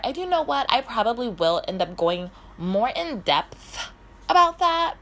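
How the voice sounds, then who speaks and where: A woman's voice: on the high side, fairly bright tone. Profane valley-talking woman, laughing. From Detroit, Michigan. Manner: profane, fast valley-girl chatter with frequent "like" and laughs. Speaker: vlogger. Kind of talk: casual storytime rant.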